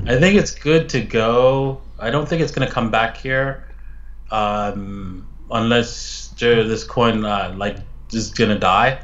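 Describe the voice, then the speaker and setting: A man giving casual crypto market commentary like a crypto bro, speaking in a hesitant, halting way. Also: on the low side, fairly bright tone, muffled recording. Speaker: crypto analyst guest.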